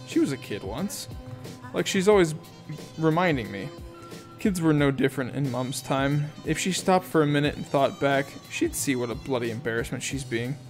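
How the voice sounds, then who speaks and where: A man reading a novel aloud in first person, in a casual amateur audiobook style with asides and self-corrections. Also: mid-range voice. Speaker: audiobook reader.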